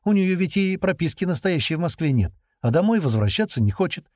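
A man's voice: on the high side, very animated, a little fast, a little mellow, dry recording, studio quality, pitched above the performer's own voice. A man putting on a naive, chatty young woman. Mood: pleading. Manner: pleading, chatty, easily hurt.

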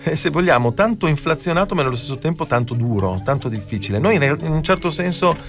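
A man's voice: a little high, animated, quick pace, faint music behind. A man, a film festival's artistic director, answering as a radio guest in a hesitant way with many fillers. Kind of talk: radio interview.

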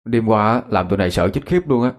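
A man voicing a nervous teenage schoolgirl friend, talking quick and anxious. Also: on the low side, expressive, close to an everyday voice.

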